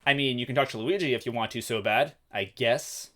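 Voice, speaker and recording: A man's voice: medium pitch, a little fast, pushed and bright, dry recording, voice pushed up, natural voice. Man putting on a bored, dismissive young princess, dry audiobook read. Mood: sulky. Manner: grumbling, dismissive.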